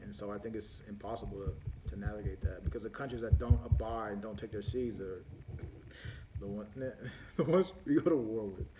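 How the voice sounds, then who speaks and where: A man's voice: lowish voice, moderate pace, background noise. A man hosting a casual live-stream Q&A on his phone, rambling with many fillers and restarts as he answers viewer questions one by one.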